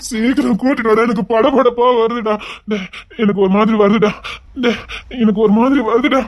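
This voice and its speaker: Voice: mid-range voice, fairly even intonation, moderate pace, lightly acted. A performer playing a grown brother, desperate and tearful, pleading again and again to bring his sister home, with a Tirunelveli Tamil accent. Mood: frantic. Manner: pleading, tearful, repeats himself. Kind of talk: emotional web-series acting.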